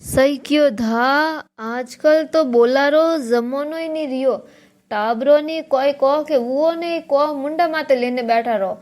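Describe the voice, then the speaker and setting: A woman's voice: high-pitched, takes it slowly, a little mellow. A woman voicing a gossiping older mother-in-law in a cartoon comedy, speaking with a Marwari accent and complaining about her family. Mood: gossipy. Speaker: cartoon character.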